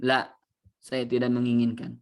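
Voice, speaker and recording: A male preacher voicing a pious man who quietly answers his questioner. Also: medium pitch, monotone, moderate pace, gravelly, smooth, voice pushed down, close to an everyday voice. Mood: solemn. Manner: quiet, plain refusals. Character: calm, grieving pious man.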